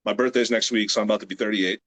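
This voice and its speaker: A grip strength athlete from the United States, a man in his late thirties, chats as a guest on a video call in a casual interview, relaxed and rambling with plenty of fillers. He talks very fast in a lowish voice.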